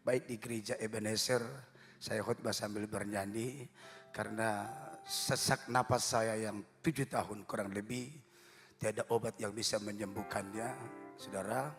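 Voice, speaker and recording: A man's voice: lowish voice, a bit bright. A man preaching as a guest pastor in a church service. He talks in a chatty, joking way, often closing phrases with a tag to the congregation. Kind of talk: sermon. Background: live church music.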